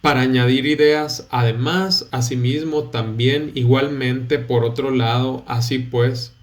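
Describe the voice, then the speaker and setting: Male tutor, Mexican Spanish accent, unhurried, middle pitch, explains step by step. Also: fairly even intonation. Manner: slow, patient explaining with fillers. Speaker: teacher. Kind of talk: study-guide lesson.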